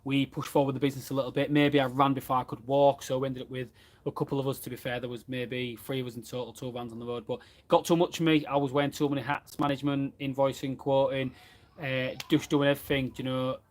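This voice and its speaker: A man's voice: mid-range voice, flat delivery, quick pace. A man, chatting casually about running his plumbing business in a live question and answer from his van. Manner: chatty and plain-spoken, reads out viewer comments. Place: inside a van.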